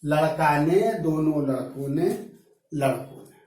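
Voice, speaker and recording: A man teaching a school grammar lesson in a classroom, reciting word forms slowly and stretching them out. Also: fairly high pitch, fairly even intonation, a little mellow. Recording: very echoey room, mic far off.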